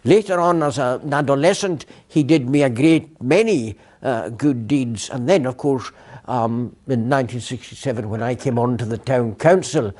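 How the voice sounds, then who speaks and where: A man's voice: medium pitch, moderate pace, a little mellow. An older man, a former provost, giving a public lecture full of anecdotes, with many fillers and restarts. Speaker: guest speaker, former provost. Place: council chamber.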